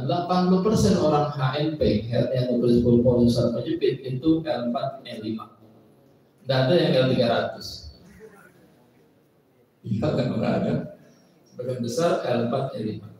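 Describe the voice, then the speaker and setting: A man teaching a massage training session, animated and quizzing his audience, recorded from afar in a large indoor hall. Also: medium pitch, a little hiss or hum. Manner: animated, asks audience questions, acts out patients' words. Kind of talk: training lecture. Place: large indoor hall at an Islamic boarding school. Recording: echoey hall, mic far off.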